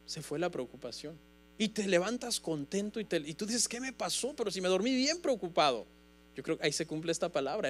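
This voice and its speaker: A man preaching a sermon as pastor of a church congregation, earnest and emphatic, often calling his listeners "brother". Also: high-pitched.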